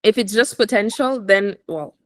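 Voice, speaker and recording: In a one-to-one lesson, a woman teaching aviation English instructs and corrects her student, enunciating words for repetition. Her voice is medium-pitched and her pace normal.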